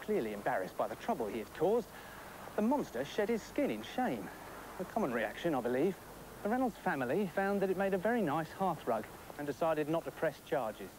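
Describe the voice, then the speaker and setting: A man telling a bedtime story in a formal, deadpan police-report manner, heard from a worn videotape copy. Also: a little high, a little fast, rough recording. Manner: formal, mock-official deadpan. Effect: worn VHS tape copy with hiss.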